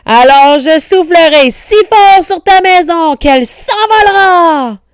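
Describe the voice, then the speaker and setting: A hungry, hot-tempered big bad wolf from a storybook bellows his threats in a loud, lively voice, as a woman reading aloud puts him on. The sound is close and dry, with no room around it. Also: very high voice, slow pace, no echo, pitched above the performer's own voice, full character voice. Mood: furious. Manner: loud and shouting.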